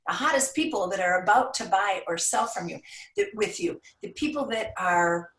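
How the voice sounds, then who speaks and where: A woman, a sales coach guest, explaining things in a measured, thoughtful way on a video call. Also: mid-range voice, animated, fairly bright tone. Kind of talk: podcast interview. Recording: roomy sound, distant from mic.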